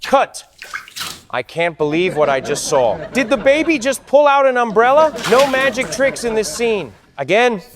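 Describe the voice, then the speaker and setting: A man's voice: very high-pitched, big pitch swings, normal speed, background noise. A man playing a film director on set, calling cut and again in a bossy, exasperated way. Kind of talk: scripted comedic narration.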